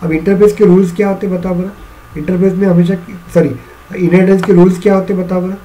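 A man's voice: high-pitched, flat delivery, fast, mellow, slight background noise, low-quality recording. A male teacher giving a classroom programming lecture in a mix of Hindi and English, often checking whether the students understand. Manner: repeats questions to check understanding.

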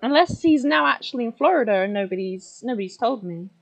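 A woman's voice: on the high side, lively intonation, fairly quick, vocal fry. A British woman chatting casually on a drawing stream, playful and giggly, repeating words over and over. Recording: dull lo-fi stream audio with faint music.

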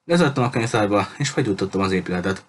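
A cruel pirate captain, as a man reads him in an audiobook, coldly polite and full of threats. The voice sits low and steady. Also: a little hiss or hum. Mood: menacing. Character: cruel menacing male pirate captain, adult. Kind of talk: audiobook character reading.

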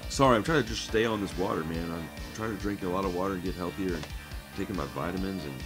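Chatty low-voiced man in his late thirties. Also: fast, music in the background. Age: 30s. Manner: relaxed and chatty, says "man" a lot. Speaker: horror movie reviewer. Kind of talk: casual video review. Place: home room lined with shelves of records and films.

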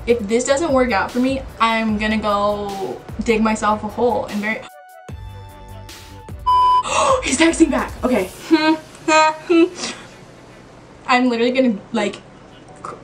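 A woman's voice: a little high, unhurried, faint music behind, low-quality recording. A woman vlogging to camera in a nervous, rambling way. She talks to herself and repeats her words. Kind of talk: casual vlog to camera.

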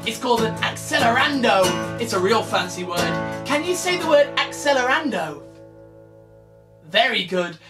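A man's voice: very high voice, big pitch swings, normal speed. A young man leading an interactive children's music class, singing and cheering the kids on while he plays. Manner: upbeat, encouraging, sings and prompts children. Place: small room with guitars on the wall, indoors. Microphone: camera in front, seated with acoustic guitar. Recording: guitar accompaniment throughout.

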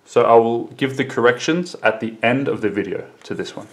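A male teacher giving a recorded English lesson for children, repeating model sentences slowly and carefully. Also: medium pitch.

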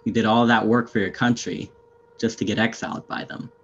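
A man's voice: fairly low pitch, steady tone, fairly quick, fairly bright tone, slightly rough. A young man playing a stern, weary, menacing anarchist fighter, curt and sardonic, in an amateur video game role-play drama. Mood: deadpan. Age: young adult. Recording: muffled lo-fi headset audio.

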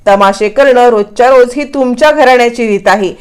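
A woman voicing a stern, scolding middle-aged mother-in-law in a spoken retelling of a TV serial, with a sharp, reproachful delivery. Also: on the high side, fairly quick, smooth, close to an everyday voice.

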